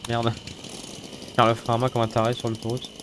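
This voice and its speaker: A man's voice: mid-range voice, monotone, brisk. A man with a stuffy, sniffly nose from a cold, giving casual, sweary, mock-grumbling let's-play commentary. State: has a head cold. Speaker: gaming video host. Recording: noisy, engine and rattling mechanical game sounds. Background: game car engine and mechanical clatter.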